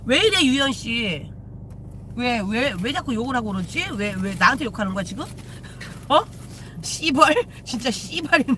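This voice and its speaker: A woman's voice: on the high side, expressive, moderate pace, pushed and bright, a little hiss or hum. A woman, a shaman chatting casually with viewers on a live stream from her car, teasing and swearing freely. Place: in a car while driving.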